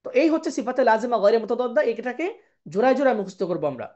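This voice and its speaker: A woman teaching an online tajweed lesson who explains patiently, keeps checking in with her students, and chants the Arabic terms slowly in pairs. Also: a little high, big pitch swings, darkish tone, highs cut off. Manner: explains patiently, checks in with "ঠিক আছে?" and "কেমন?". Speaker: Quran recitation teacher.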